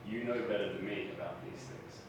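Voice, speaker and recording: Giving a university lecture as a guest in a big hall, a man with an Australian accent keeps things chatty and self-deprecating and often quizzes the audience. He speaks fairly quickly in a lowish voice. The audio is noisy, his voice distant amid the hall's echo.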